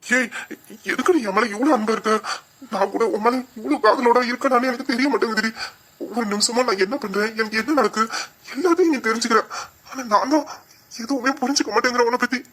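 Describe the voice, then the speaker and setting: Someone playing a brisk, bright-voiced remorseful uncle. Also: mid-range voice, close to an everyday voice. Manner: tender, apologetic, teasing. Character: remorseful, loving young man, the uncle. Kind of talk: audio drama acting.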